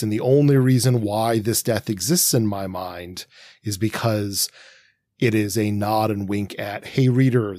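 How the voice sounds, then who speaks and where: A middle-aged podcast co-host gives casual, analytical commentary, drifting into self-interrupting asides as he builds his point. His voice is lowish and a little mellow, with no echo.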